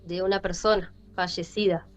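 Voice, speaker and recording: A woman's voice: fairly low pitch, steady tone, moderate pace. A woman with a Rioplatense Spanish accent hosting a podcast, telling a story casually and animatedly, with many fillers and repetitions. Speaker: podcast host. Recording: lo-fi with faint music.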